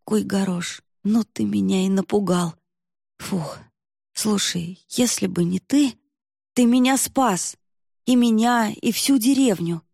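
Brief: an outspoken young heroine, read by a woman, husky, dry close sound. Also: medium pitch, slow pace, a little mellow, no echo, heavily acted.

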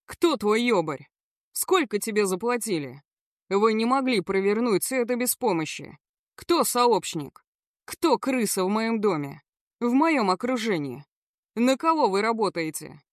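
A woman's voice: on the high side, animated, measured pace, no room sound. A furious male gangster growls threats through clenched teeth, as a woman narrator puts him on. His voice is cold and dead-sounding, and he is full of contempt. The recording is dry and close, like an audiobook. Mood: interrogating.

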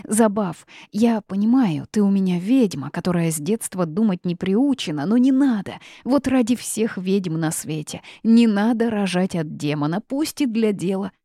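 A woman voicing an excitable, scolding female toad sidekick in an audiobook. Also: mid-range voice, normal speed, few pauses, no echo, studio quality. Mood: fretful. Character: fussy anxious female toad companion. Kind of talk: audiobook character reading.

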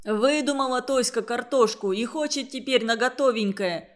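A woman's voice: a little high, moderate pace, natural voice. Woman reading a cocky young boy, assertive, storybook voice. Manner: confident, assertive. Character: confident bossy young boy.

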